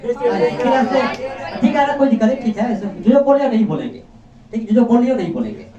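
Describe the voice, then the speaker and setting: In a very high-pitched, sing-song, mellow voice, a man teaches a class at a fairly quick pace, quizzing students and firmly repeating each answer back to them. The indoor classroom recording is echoey, distant and dull, with some chatter behind.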